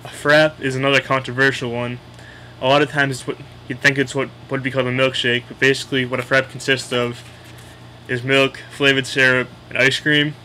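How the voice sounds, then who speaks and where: A man's voice: medium pitch, little pitch movement, fairly quick, sharp tone, a little hiss or hum, low-quality recording. A man with a Boston accent casually explaining local slang in a blunt, opinionated, sweary way. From Boston area, United States.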